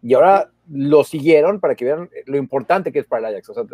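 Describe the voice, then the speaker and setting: Male football correspondent, mellow and slightly high voice, rambling casual delivery with restarts. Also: expressive, fast, dry recording, clean studio sound. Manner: chatty, with hesitations and repeated words. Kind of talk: casual sports talk. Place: abroad, in the Netherlands.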